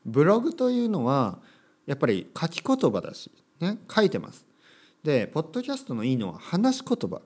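This podcast host for Japanese learners has a fairly high voice whose pitch swoops wildly, speaking fairly quickly with a slightly mellow, breathy edge. Hosting his casual solo show, he thinks out loud and keeps adding tag words to his sentences. Short sample dialogues get acted out in a more animated voice.

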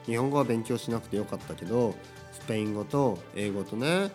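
A man's voice: lowish voice, a little fast, a little mellow, faint music behind. A Japanese man hosting his own podcast, talking casually and energetically with many little tag questions. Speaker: podcast host teaching Japanese. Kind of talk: casual solo podcast talk.

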